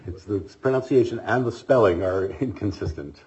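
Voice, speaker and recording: A man arguing an appeal as defense attorney, speaking in a measured, formal way while coming down with a cold. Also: on the low side, a little mellow. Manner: measured, formal legal argument. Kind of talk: oral argument before a court. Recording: dull lo-fi courtroom audio.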